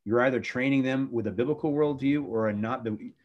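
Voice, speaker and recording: A man's voice: medium pitch, fairly quick, muffled recording. A middle-aged man, a former youth pastor, talking about faith and family in an earnest, preachy way with many restarts.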